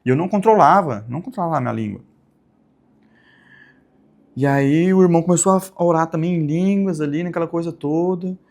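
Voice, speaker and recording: A young man telling a personal religious testimony, soft-spoken and rambling, often tagging his sentences with little questions. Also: on the high side, fairly quick, creaky, pauses often. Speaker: channel host giving testimony.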